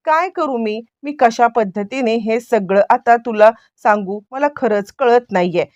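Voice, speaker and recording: A woman's voice: a little high, unhurried, darkish tone, no room sound, lo-fi sound, natural voice. Woman reading an anxious young wife. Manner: hesitant, pleading.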